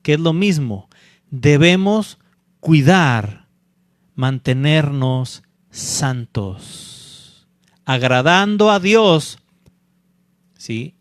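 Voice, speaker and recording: A male pastor preaching a sermon, deliberate and repeating key points, often checking in with a quick "¿sí?". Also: a little high, dry recording, clean studio sound. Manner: deliberate, checks in with the congregation by asking "¿sí?"; repeats key phrases for emphasis.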